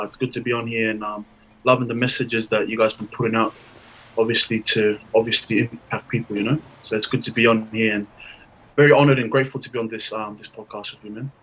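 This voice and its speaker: A young man talks as a podcast guest. His voice is bright and forward, and his casual chat is playful and full of slang. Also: mid-range voice, low-quality recording. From Australia. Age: 20s.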